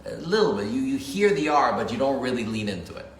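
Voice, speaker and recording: A middle-aged man chatting casually on a livestream, speaking thoughtfully and pausing often with fillers. He grew up in Paris and Geneva, and English is not his first language. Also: medium pitch, very animated. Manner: thoughtful, halting with many fillers. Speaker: co-host, film director. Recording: echoey room with faint noise.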